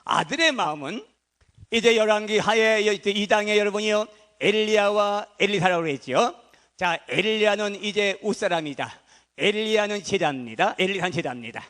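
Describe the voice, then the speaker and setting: A man's voice: sits high, moderate pace, fairly bright tone. A man preaching a Sunday sermon as pastor, emphatic and repetitive, acting out the speech of biblical figures. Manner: emphatic preaching, acts out the prophets' words in dialogue. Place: church service.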